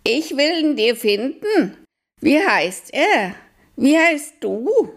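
A woman voicing a talking owl with a high, slow, drawn-out hooting voice. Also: big pitch swings, heavily acted. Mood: eerie.

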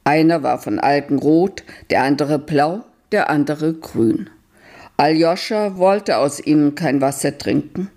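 A woman narrating a fairy-tale story in a calm, unhurried reading voice. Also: deep voice. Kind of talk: storytelling read aloud.

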